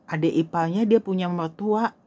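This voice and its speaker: A woman's voice: on the low side, moderate pace, dull audio. An older woman casually telling a personal story, acting out what people said and dropping to a whisper at tense moments. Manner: animated, acts out quoted dialogue, drops to whispers. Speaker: storyteller host.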